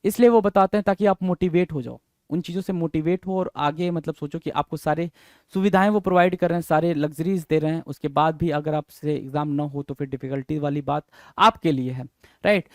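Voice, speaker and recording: High pitched guy teaching vocab, keeps repeating words and quizzing, dry close sound. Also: fairly even intonation, a little fast, dry recording. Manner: drills words, repeats and spells them out, asks students questions. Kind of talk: exam-prep lesson.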